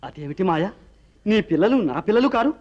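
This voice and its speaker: A man's voice: high-pitched, big pitch swings, quick pace, darkish tone, highs cut off. An actor playing a harried sage and father of many, scolding his children in exasperation, theatrical, on an old film soundtrack. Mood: pleading. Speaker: sage burdened with wife and children. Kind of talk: 1960s Telugu film acting.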